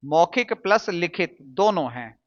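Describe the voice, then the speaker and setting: A man's voice: sits high, animated, measured pace, muffled recording. A man teaching a Hindi lesson to students, patiently drilling sounds aloud and answering his own questions. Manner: asks questions and answers them himself.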